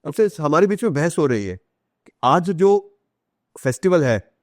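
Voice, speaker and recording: This male podcast guest and author, who has an Indian accent, shares stories conversationally in an interview, mixing Hindi with English and using emphatic repetition. He speaks a little slowly in a fairly high, sing-song voice. There's no echo, and the sound is studio quality.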